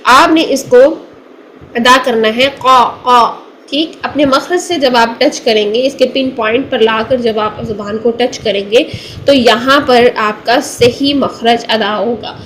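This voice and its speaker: A woman's voice: on the high side, a little slow, a bit bright, slight background noise, low-quality recording. A woman with a Pakistani Urdu accent teaching a recitation lesson, patiently repeating letter sounds one by one. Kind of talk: tajweed lesson.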